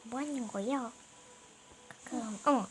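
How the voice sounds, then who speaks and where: A woman's voice: a little high, takes it slowly, a little hiss or hum. A woman hosting her own gameplay video with casual commentary, talking in a playful, cutesy way and often muttering or exclaiming to herself. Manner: cutesy, playful greetings with little singsong interjections; mutters and exclaims to self while playing.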